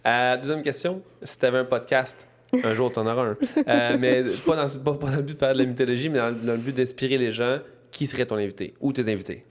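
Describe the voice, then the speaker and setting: A man's voice: mid-range voice, fairly even intonation, fast. A man with a Quebec French accent hosting a podcast, loosely chatting and asking his guest a set of questions. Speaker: podcast host. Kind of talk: casual interview chat.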